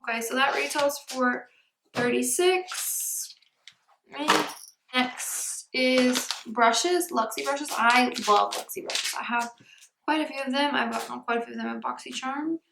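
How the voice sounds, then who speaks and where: Unboxing beauty products, this woman talks in a casual, measured way with a high, creaky voice, frequently sinking into a gentle near-whisper. Without a proper mic, the room makes her echo, and background noise is audible.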